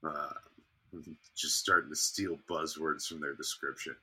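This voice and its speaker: Low raspy guy on a podcast call, audio keeps cutting out, volume all over. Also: steady tone, measured pace, pushed and bright. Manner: laid-back, swears casually. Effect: online call audio cutting in and out, uneven volume. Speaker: podcast co-host. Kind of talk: casual beer-review chat. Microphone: remote call recording.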